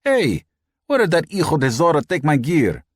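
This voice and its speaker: A man's voice: a little high, huge pitch swings, normal speed, breathy edge, dry recording, studio quality, voice pushed up, exaggerated voice. A man voicing a flustered, indignant newcomer to a space station in an audiobook.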